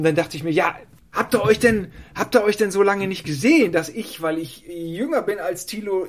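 A man chatting casually as a podcast co-host, an animated storyteller who laughs while telling his jokes. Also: high voice. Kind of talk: casual chat.

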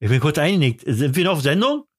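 A man with a German accent hosting a podcast in casual, teasing, excitable banter. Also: a little high, fast talker. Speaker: podcast host.

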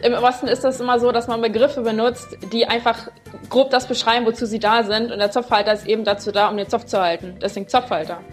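A woman's voice: on the high side, steady tone, fast talker, soft background music. A young woman with a Brandenburg accent, chatting casually and explaining things in a matter-of-fact way. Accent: Brandenburg German. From Brandenburg, Germany. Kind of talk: casual chat.

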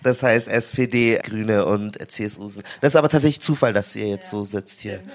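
A man's voice: fairly low pitch, brisk. A man in his twenties co-hosting a casual panel discussion, chatty and fond of joking asides. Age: 20s. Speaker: podcast co-host.

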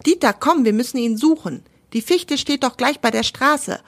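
A woman's voice: high-pitched, normal speed, pitched above the performer's own voice. A woman voicing a female wild boar who calls out eagerly to her friend in a storybook tale. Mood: worried. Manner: excited, calling out.

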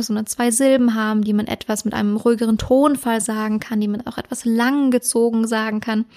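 A woman hosting a dog-training podcast, explaining calmly with many fillers and self-corrections. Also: a little high. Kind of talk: casual instructional podcast talk.

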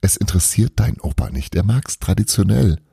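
A man's voice: lowish voice, expressive, a little fast, creaky, dark tone, husky, no echo, clean studio sound, voice pushed up, full character voice. A man playing an exasperated grumbling father. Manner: grumbling, sighing. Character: exasperated grown-up son, a practical father.

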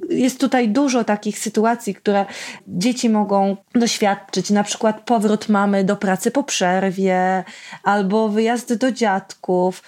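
A woman's voice: mid-range voice, darkish tone. A woman chatting casually about children's books, reading passages aloud and giving the characters voices, with laughs between her remarks. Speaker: children's book reviewer. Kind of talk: casual book review with read-aloud.

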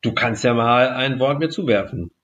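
A man being interviewed as a guest, explaining at length in a measured way with frequent fillers. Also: medium pitch, fairly bright tone, muffled recording. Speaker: guest speaker and magician. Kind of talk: podcast interview answers.

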